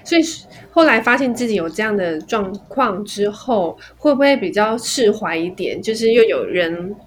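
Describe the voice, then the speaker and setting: A woman with a Taiwanese Mandarin accent, hosting a casual podcast and asking gentle, probing questions. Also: mid-range voice, animated, moderate pace. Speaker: podcast host. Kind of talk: casual interview chat. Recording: faint background noise.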